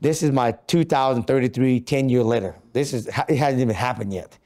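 This man in his fifties co-hosts a motivational podcast from an office meeting room, earnestly coaching listeners on goal setting with a stream of rhetorical questions. He speaks fairly quickly in a mid-range, slightly mellow voice.

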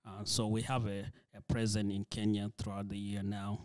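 The guest, a ministry leader whose native tongue is Dinka, answers questions in a church interview with a quiet, flat, low voice, stumbling through fillers and frequent restarts. The sound is dry and studio-clean.

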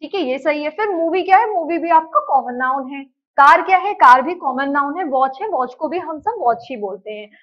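A woman with a high voice and lively intonation teaches an exam-prep grammar lesson at a moderate pace, recorded muffled. She repeatedly asks the class questions and answers them herself, checking in with "okay" and repeating "ठीक है" to confirm understanding.

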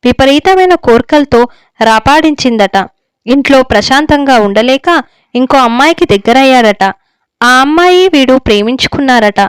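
A woman's voice: high-pitched, animated, normal speed, clean tone, dry recording. A woman reading the lines of an anxious older mother who pleads with her husband for her son. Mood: pleading. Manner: pleading, tearful. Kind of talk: story reading.

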